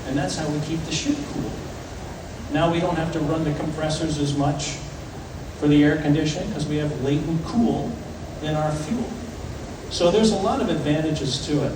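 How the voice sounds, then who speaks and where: A man speaking as a ship's captain, answering audience questions informally, in a conversational way with deliberate pauses. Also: on the high side, steady tone. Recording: echoey venue, distant, clearly noisy ambience.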